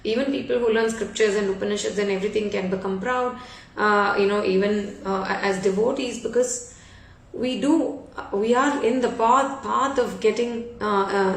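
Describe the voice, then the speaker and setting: A woman's voice: medium pitch, far from the mic. A woman giving a devotional talk, telling a story conversationally with frequent fillers and restarts. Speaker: devotional speaker. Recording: echoey room, voice off-mic.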